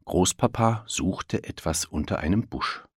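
A man reading a children's story aloud in an expressive storytelling manner. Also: deep voice, measured pace, breathy edge, no echo, studio quality. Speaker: narrator.

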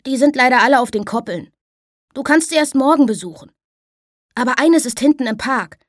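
A woman's voice: sits high, animated, brisk, no echo, studio quality, voice pushed up. A woman voicing a curious, friendly young farm boy who chats eagerly. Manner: eager, chatty.

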